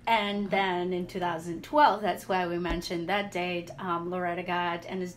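A woman researcher from Latvia, an interview guest speaking in a measured, earnest way. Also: lowish voice, level tone. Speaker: co-author and researcher.

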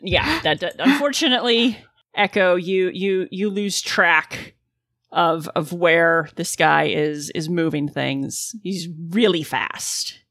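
Female game master, informal tabletop narration. Bright voice, close dry sound. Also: lowish voice, takes it slowly, no room sound.

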